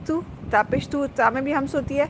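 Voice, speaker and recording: A woman teaching Quran recitation, explaining letter sounds patiently and repeating them slowly. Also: sits high, noisy background.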